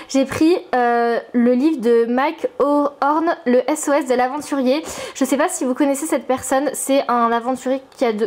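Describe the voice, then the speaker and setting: A young woman from France talks casually to her viewers from her apartment. Her voice sits high, and she chats with easy enthusiasm, often pausing on little fillers as she goes. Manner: chatty, enthusiastic, filler-heavy. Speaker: vlogger. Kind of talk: casual chatty vlog.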